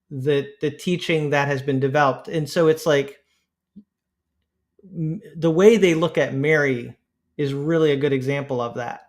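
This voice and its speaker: Earnest male co-host, slightly high voice. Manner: thinking aloud with fillers and restarts, earnest. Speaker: podcast co-host. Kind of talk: casual discussion.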